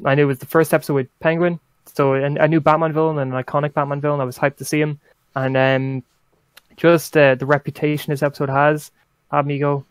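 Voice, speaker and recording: A young man co-hosts a casual rewatch podcast, chatting hesitantly with many ums and wry little laughs. His voice is a little high, with no echo on the recording.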